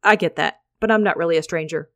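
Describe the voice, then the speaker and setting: A woman voicing a mysterious old male cowboy stranger who speaks in a brisk, low-key, cryptic way. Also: a bit bright, dry recording, studio quality.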